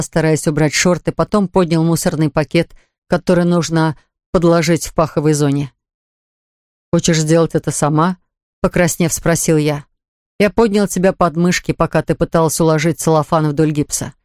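A man's voice: on the high side, steady tone, a little fast, darkish tone, smooth, no room sound, studio quality. A man narrating an audiobook in the first person, reading evenly and voicing dialogue plainly. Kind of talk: scripted narration.

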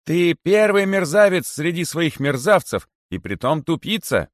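A man voicing a cheeky, defiant rabbit who shouts gleefully from inside a snake's belly, in a storybook reading. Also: high-pitched, takes it slowly, creaky, no echo, studio quality, voice pushed up, exaggerated voice.

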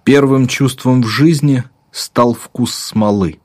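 A man narrating an audiobook in a measured, vivid, rhythmic way. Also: mid-range voice, noisy background.

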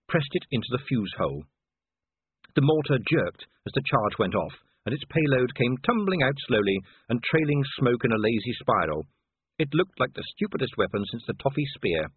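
A man narrating an audiobook in a measured, dry storytelling manner. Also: mid-range voice, husky, no echo. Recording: tinny phone-like audio.

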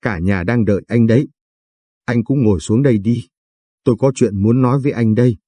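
A man's voice: medium pitch, mellow, no room sound, lightly acted. A man voicing a furious hot-tempered old father-in-law. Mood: curt. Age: older. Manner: angry scolding, rapid tirades.

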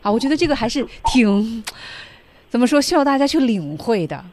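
A woman's voice: fairly high pitch, very animated, brisk, a little mellow, slight background noise. A woman co-hosting a radio English lesson, summing up the teacher's points and agreeing with short replies. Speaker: radio co-host.

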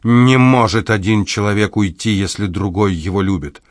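A man voicing a self-pitying, pompous husband who whines in a slow, drawn-out, nasal voice in an audiobook. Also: fairly low pitch, no room sound, clean studio sound, close to an everyday voice. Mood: pleading.

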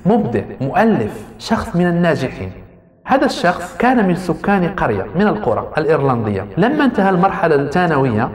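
A man giving a lecture on raising children, speaking straight to his listeners and repeating key phrases for emphasis. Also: fairly high pitch. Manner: addresses listeners directly with rhetorical repetition. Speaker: parenting lecturer. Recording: roomy hall with long reverb.

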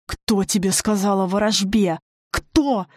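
A woman's voice: medium pitch, steady tone, slow pace, darkish tone, dry recording, clean studio sound. Woman voicing a growling wolfish forest spirit. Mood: mocking. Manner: growling, rough demands. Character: snarling wolfish male forest spirit, cruel.

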